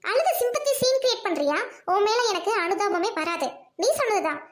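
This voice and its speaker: A woman's voice: very high voice, animated, fairly quick. Woman doing scornful angry college girl Jeni. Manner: sharp, scornful, cutting. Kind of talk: audio drama acting.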